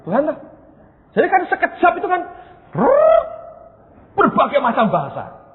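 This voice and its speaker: Animated pastor, tinny hall echo. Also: male voice, extremely high pitch, a little fast. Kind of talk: sermon with personal storytelling. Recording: tinny phone-like sound with long hall reverb.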